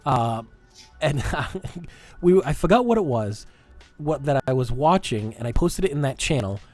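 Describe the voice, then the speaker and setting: A young man from Massachusetts with a Massachusetts accent, co-hosting a podcast in casual chat, rambling and animated with frequent restarts. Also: medium pitch, normal speed, faint music behind. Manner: rambling, animated, self-interrupting. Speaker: podcast co-host.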